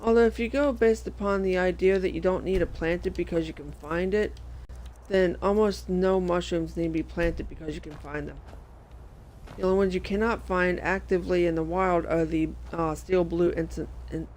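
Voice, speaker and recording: High-pitched guy chatting thru his game, lots of ums and restarts, faint hiss behind. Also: steady tone, normal speed, darkish tone. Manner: rambling, self-correcting, many fillers. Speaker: gameplay commentator. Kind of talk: casual let's-play commentary.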